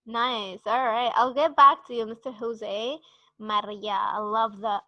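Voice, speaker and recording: A woman's voice: on the high side, steady tone, no room sound, muffled recording. A woman hosting an online meeting, chatty and giggly, speaking English as a learned language. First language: not English. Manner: chatty and giggly, quick restarts. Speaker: meeting host. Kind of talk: casual online meeting chat.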